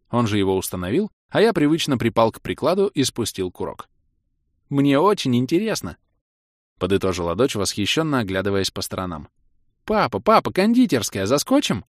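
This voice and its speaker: A man reading a fantasy audiobook in an animated, ironic first-person style into a studio microphone. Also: lowish voice, dry recording. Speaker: audiobook narrator.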